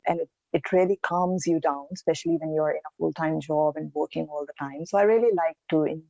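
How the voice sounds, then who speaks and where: A woman's voice: deep voice, vocal fry, mellow, no room sound. Woman from India, podcast guest, earnest and reflective; dull, dry lo-fi audio. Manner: earnest, reflective, with pauses and restarts. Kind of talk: casual interview answers.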